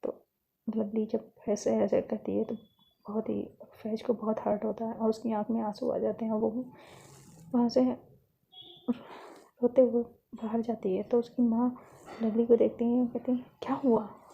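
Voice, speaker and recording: A woman narrating a romantic story episode in a plain, unhurried retelling. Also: fairly high pitch, little pitch movement, creaky, dark tone, breathy edge, muffled recording.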